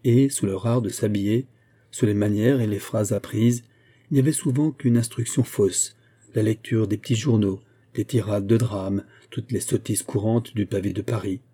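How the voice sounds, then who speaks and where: A man narrating a classic novel as an audiobook in a measured, literary way. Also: fairly low pitch, steady tone, mellow, slightly rough.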